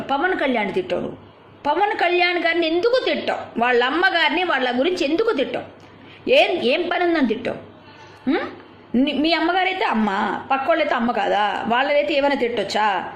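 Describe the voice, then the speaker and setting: A woman delivering an angry, confrontational rant at a rival, firing off rhetorical questions and scolding. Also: high-pitched. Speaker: video commentator. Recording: roomy echo.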